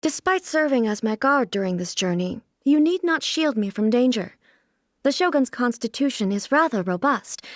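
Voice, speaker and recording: Game role: imperious immortal female shogun, formal and stately, fairly high voice, dry close recording. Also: no echo. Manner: formal, stately, measured, archaic diction. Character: regal, aloof immortal female shogun commanding thunder. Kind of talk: scripted video game character voice lines.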